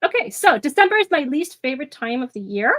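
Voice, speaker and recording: Talking fast with big pitch swings, a woman with a high voice runs an art livestream from a home room while soft music plays. Her casual chat with viewers in the live chat is rambling, packed with ums and restarts, and punctuated by easy laughs.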